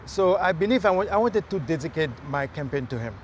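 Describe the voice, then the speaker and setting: A man's voice: on the high side, lively intonation, a little fast, a little hiss or hum. A man from Haiti, a mayoral candidate, talking earnestly in a casual outdoor interview with many fillers and restarts. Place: outdoors in a city near traffic.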